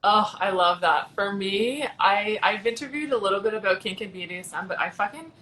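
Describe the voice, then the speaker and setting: A woman's voice: medium pitch, brisk, bright, forceful tone, slight background noise, poor audio. A woman hosting a live video-call interview, speaking frankly and emphatically and swearing freely. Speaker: host. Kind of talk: casual interview chat.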